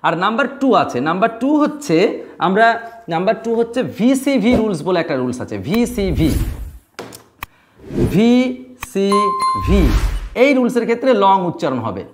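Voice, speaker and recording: A man's voice: high-pitched, very animated, moderate pace, long pauses, music in the background. A man teaching English pronunciation, explaining each rule step by step and repeating the key words. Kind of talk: spoken English lesson.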